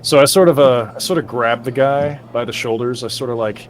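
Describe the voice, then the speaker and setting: A young man playing a tabletop game, describing his character's actions calmly. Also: mid-range voice, fairly quick. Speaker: player. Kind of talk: casual tabletop play. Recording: faint music in the background.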